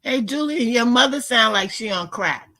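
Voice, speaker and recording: A woman's voice: on the high side, animated, moderate pace, sharp tone. A woman from New York with a smoker's voice, co-hosting a casual livestream in blunt, profane slang. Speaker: livestream co-host.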